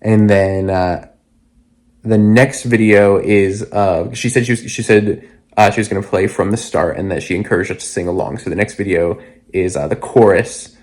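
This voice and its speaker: A man talks through his concert vlog in voice-over, relaxed and chatty, leaning on fillers. His voice sits fairly low. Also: normal speed. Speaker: vlogger. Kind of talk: casual voice-over narration.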